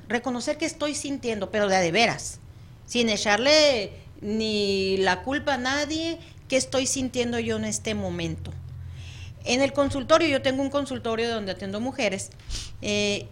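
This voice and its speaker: A woman's voice: on the high side, a little hiss or hum. A woman counselor, a guest on a radio talk show, chatty and laughing often. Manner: chatty, laughs often, acts out clients' voices.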